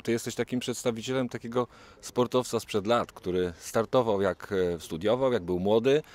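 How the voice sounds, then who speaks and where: A middle-aged radio reporter asking long, rambling questions with repetitions, outdoors at a stadium into a handheld mic. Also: male voice, on the low side, normal speed, a little mellow. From Poland. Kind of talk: interviewing.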